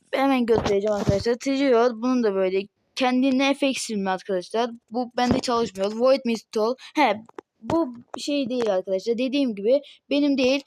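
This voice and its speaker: A young Turkish gaming channel host rambles through a casual game mod showcase, saying "arkadaşlar" constantly and filling gaps with many fillers. Her fairly high, slightly mellow voice has an altered tone that may sound odd, over a low-quality home recording with faint hiss.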